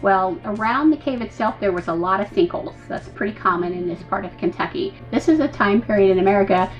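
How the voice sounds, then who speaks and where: Female travel vlog host, mid-pitched voice, conversational explainer who addresses viewers directly, music behind her. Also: animated, fast talker, dull audio. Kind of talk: chatty travel vlog narration.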